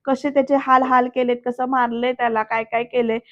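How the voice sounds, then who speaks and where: High, flat-voiced woman recapping a serial. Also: fairly quick. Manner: retells scenes step by step, addressing viewers directly. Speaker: TV serial reviewer. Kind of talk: voice-over episode recap. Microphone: voice-over, not recorded in the pictured place. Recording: dull lo-fi voice-over.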